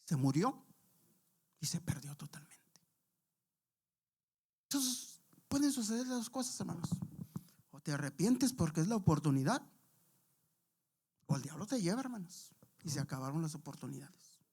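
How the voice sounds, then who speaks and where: A man preaching a sermon in church, telling a testimony and leading prayer, calling out to the brethren constantly while his loudness swells and drops. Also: a little high, very animated, moderate pace, long pauses, breathy edge. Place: church sanctuary.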